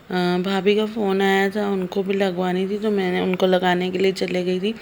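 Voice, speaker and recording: A woman's voice: medium pitch, slight background noise, poor audio. A woman, vlogging in a casual chatty way and talking straight to her viewers, with a slight cough. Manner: chatty, addresses viewers directly. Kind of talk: casual vlog narration.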